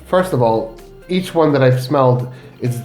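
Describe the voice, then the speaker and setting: A chatty male guest with a slightly congested nose gives casual, reactive comments. His mid-pitched voice sits in a roomy echo over light background music. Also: lively intonation, a little slow, darkish tone. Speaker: guest co-reviewer giving first impressions. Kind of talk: casual chat.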